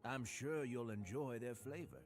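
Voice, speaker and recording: Casting: man playing a courtly, unsettling game bartender, lively polite lilt, faint music behind. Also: mid-range voice, unhurried, natural voice. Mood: genteel. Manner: genteel and polite, oddly eager. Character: suave, courteous male hotel bartender who collects ears. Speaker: game character.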